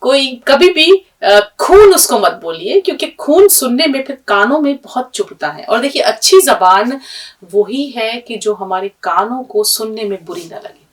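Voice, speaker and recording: Patient woman teacher spelling letters slowly. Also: fairly high pitch, expressive, far from the mic. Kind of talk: language lesson with a story.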